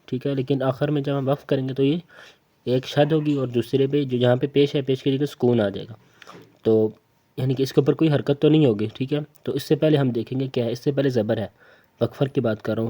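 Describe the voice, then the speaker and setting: A man with a mellow, dark voice and a Pakistani Urdu accent leads a slow Quran reading lesson. He patiently spells out each letter and repeats words as a drill. His delivery is steady and methodical, like a classroom teacher. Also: medium pitch.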